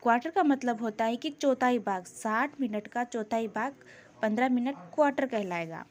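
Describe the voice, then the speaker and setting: A woman teaching English, explaining in Hindi and saying each English phrase slowly and carefully. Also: a little high. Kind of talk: spoken English lesson in Hindi.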